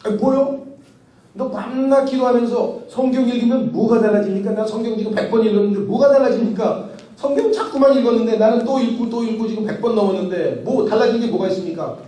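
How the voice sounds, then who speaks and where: A man's voice: extremely high pitch, fast talker, mellow. A man voicing a frustrated male preacher complaining to God in prayer, heard in an echoey hall from a distant mic.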